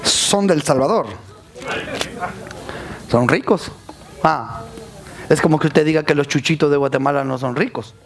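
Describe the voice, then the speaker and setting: A man's voice: a little high, unhurried, long pauses, crowd noise. A male pastor, preaching a sermon and calling out to his congregation. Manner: preaching with rising calls to the congregation.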